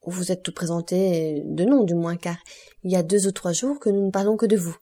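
A woman's voice: lowish voice, steady tone, fairly quick, mellow. A woman voicing a haughty, effusive middle-aged society baroness in an audiobook.

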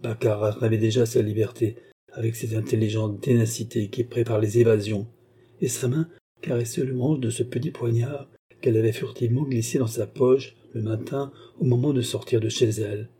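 A man narrating a classic French novel in a measured storytelling manner. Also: mid-range voice, fairly even intonation, mellow, breathy edge. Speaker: audiobook reader. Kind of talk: scripted narration.

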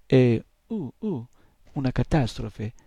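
A man's voice: mid-range voice, very animated, slow, gravelly, warm tone, breathy edge, dry recording, heavily acted. A man voicing a fretful little male imp from a storybook, who whines and stammers. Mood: whiny, dismayed. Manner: whiny, stammering "uh, uh".

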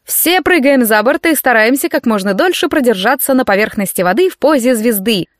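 A loud, self-important male martial-arts coach who bellows his drills, stretching out each command, voiced by a woman reading a storybook. The pitch sits high and the sound is dry and close, with no room around it. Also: animated, fairly quick, dry recording, close to an everyday voice.

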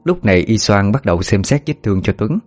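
A man narrating a story at a steady, even pace. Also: lowish voice, quick pace. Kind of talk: scripted narration. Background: faint music.

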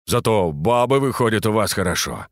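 A man's voice: lowish voice, expressive, normal speed, no room sound, studio quality, natural voice. A man voicing a boisterous, bantering Moscow drinker nicknamed the cruiser, in an audiobook. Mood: hearty. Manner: loud, hearty, bantering.

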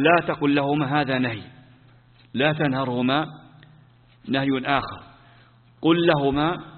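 A male religious teacher gives a classroom Quran commentary lesson. He asks rhetorical questions, answers them himself, and repeats key phrases. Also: medium pitch. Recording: tinny phone-like sound with long hall reverb.

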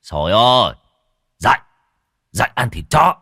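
A man voicing a gruff, bossy old village sorcerer who barks orders loudly. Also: sits low, sing-song, normal speed, dry recording, studio quality, heavily acted. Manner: loud, barking orders.

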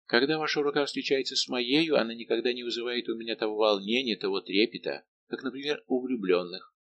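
A man's voice: mid-range voice, brisk, a bit bright, highs cut off. A man voicing a proud, teasing young princess in an audiobook, coy and defiant in manner.

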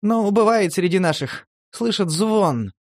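A man voicing a touchy, tearful homeless male addict in a horror audiobook, talking in a shrill, agitated, pleading way. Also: lively intonation, measured pace, no room sound, studio quality. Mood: rambling. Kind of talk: audiobook character voice.

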